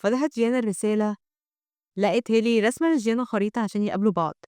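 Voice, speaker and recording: A young woman with an Egyptian Arabic accent narrating a manhwa story recap in steady storytelling. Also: on the high side, very fast, clean tone, no echo, studio quality.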